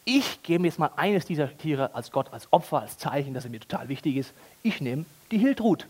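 A man's voice: a little high, lively intonation, brisk, slightly rough, voice pushed down. A man voicing an eager, naive young man who proudly offers God his oldest sick sheep. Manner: earnest, pleased with himself.

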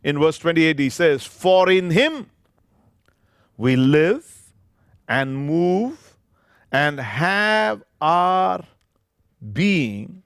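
Slow-preaching pastor at a pulpit mic. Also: male voice, fairly high pitch, sing-song, fairly bright tone, clear, resonant tone, no echo, studio quality. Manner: emphatic, stretches out scripture phrases word by word. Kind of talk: preaching a sermon. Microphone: pulpit microphone.

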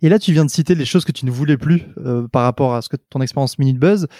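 A man's voice: medium pitch, fast talker, warm tone, no echo, clean studio sound. A man hosting an interview, asking easygoing questions in a casual way and laughing along with his guest. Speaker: podcast host.

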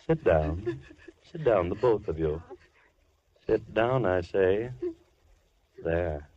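An actor playing a soft-spoken, coldly polite madman in a 1940s radio drama. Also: on the low side, breathy edge. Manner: slow, silky, coldly polite. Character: menacing soft-spoken male madman, middle-aged. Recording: muffled 1940s radio recording with hiss.

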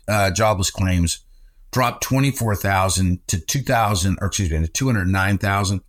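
Low-voiced man hosting a podcast. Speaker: podcast host. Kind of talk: conversational news podcast hosting.

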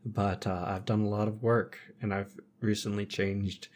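Husky-voiced guy hosting a podcast, calm and reflective, short sentences. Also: on the low side. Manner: measured and reflective, speaks in short statements. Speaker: podcast host. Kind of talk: casual chat.

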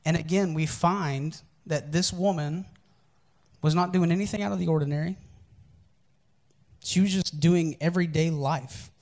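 A male pastor delivers a sermon in an easygoing, storytelling manner. His voice sits a little on the high side for a man, and he speaks with earnest candor. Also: steady tone, moderate pace, darkish tone. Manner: conversational storytelling preacher, candid and earnest.

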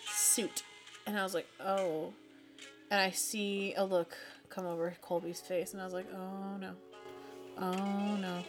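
A woman co-hosting a podcast, telling a travel story in casual, animated chat. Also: lowish voice, measured pace, faint music behind. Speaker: podcast co-host.

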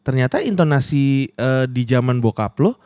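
A man's voice: mid-range voice, animated, normal speed, darkish tone, smooth, no echo, studio quality. A man, chatting casually, joking and swearing freely. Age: 30s. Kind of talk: casual podcast chat.

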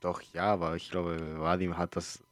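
A man's voice: sits low, little pitch movement, normal speed, no room sound. A man from Chile speaking German, chatting casually on a podcast, slangy and often searching for words. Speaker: podcast co-host. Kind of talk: casual chat.

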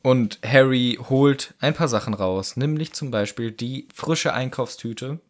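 A man's voice: mid-range voice, measured pace. A man co-hosting a casual podcast, joking, laughing often and acting out quotes. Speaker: podcast co-host. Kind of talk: casual book discussion.

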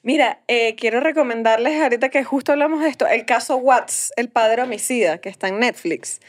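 A Venezuelan woman co-hosting a podcast, chatting casually and tossing in quick joking remarks. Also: on the high side. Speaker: podcast co-host. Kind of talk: casual chat.

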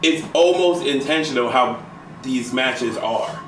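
A man's voice: mid-range voice, measured pace, crowd noise. A middle-aged man from the Chicago area co-hosting a casual podcast chat, ranting and swearing, laughing often. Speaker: podcast co-host. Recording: echoey room, mic a bit far, faint noise.

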